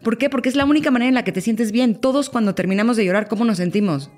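A woman, a guest in a casual podcast conversation, talking expressively and acting out quoted voices. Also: very fast. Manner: expressive, acts out quoted voices with sudden high exclamations.

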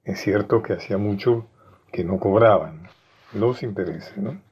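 A man's voice: fairly low pitch, a little slow, darkish tone, breathy edge. A man telling a history story in a conversational way, often checking in with his listeners. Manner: conversational, asks listeners for agreement. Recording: dull lo-fi recording.

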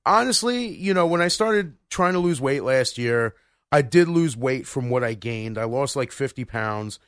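A man's voice: mid-range voice, animated, moderate pace, a bit bright, no echo, studio quality. A man in his thirties co-hosting a podcast in casual chat, rambling with many restarts and fillers. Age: 30s. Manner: rambling, full of restarts and "you know". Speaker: podcast co-host.

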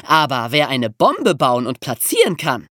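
A true crime podcast host tells his stories conversationally in a mid-range voice at a measured pace, asking rhetorical questions and answering them himself. His delivery is animated and colloquial, with lively rising and falling intonation. The audio is completely dry, with no room sound.

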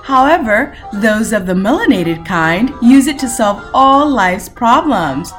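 A woman's voice: fairly high pitch, very animated, a little slow. A woman reading a scripted mock-documentary intro in a dry tone, with music behind her.

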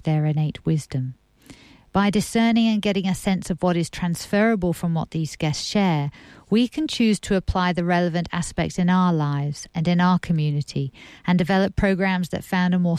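A woman hosting a radio interview show, with measured, formal phrasing. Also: on the low side, darkish tone, smooth, no echo. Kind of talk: scripted introduction and interview.

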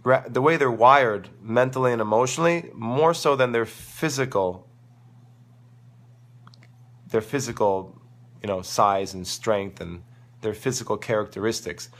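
A man with a crackly, gravelly voice, worn down by a sore throat, speaks at medium pitch, a little slowly and with frequent pauses. He's a tennis coach hosting a live online show, answering viewers in a casual, emphatic and opinionated way as he loses his voice.

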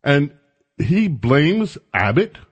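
A man's voice: a little high, big pitch swings, extremely slow, breathy edge, no echo, muffled recording. A man hosting talk radio, giving opinionated commentary in a conversational, emphatic way.

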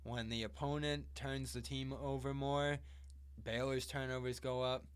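A man co-hosting a casual sports podcast, talking in a steady, easygoing way. He runs through numbers and game analysis in a relaxed conversational flow. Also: mid-range voice, unhurried, smooth. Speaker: podcast co-host.

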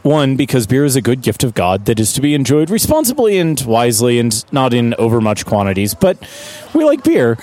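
A man co-hosting a casual podcast chat, animated and quick to laugh, recorded live in a brewery. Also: medium pitch, no room sound. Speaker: podcast co-host. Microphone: single shared microphone.

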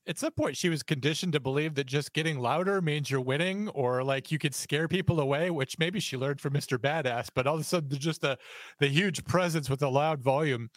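A man's voice: fairly high pitch, brisk, no echo. A man co-hosting a podcast, retelling a clip animatedly and laughing often. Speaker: podcast co-host. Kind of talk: casual podcast commentary.

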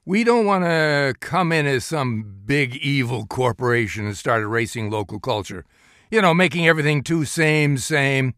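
A man's voice: medium pitch, animated, moderate pace, fairly bright tone, no room sound, clean studio sound. A man playing a folksy, upbeat and evasive corporate spokesman in a comedy radio interview. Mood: breezy, proud. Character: breezy, evasive corporate spokesman for an evil company. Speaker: interview guest, company spokesman.

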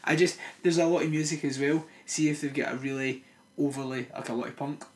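A man's voice: fairly high pitch, little pitch movement, a little fast. A man with a broad Scottish accent in casual podcast chat, blunt and sweary. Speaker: podcast co-host. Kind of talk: casual chat about films and music.

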